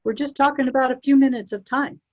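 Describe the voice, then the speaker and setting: A soft-spoken woman gently walks listeners through spiritual preparations in a relaxed chat, her voice often fading at the ends of phrases. The sound is muffled and lo-fi, like an online call. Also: sits high, quick pace. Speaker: spiritual channeler. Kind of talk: casual spiritual guidance chat.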